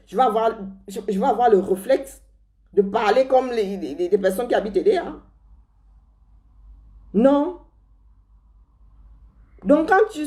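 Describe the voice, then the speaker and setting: Scornful Cameroonian woman commentator. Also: on the high side. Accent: Cameroonian French. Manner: sarcastic, scornful, animated. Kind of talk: political commentary monologue.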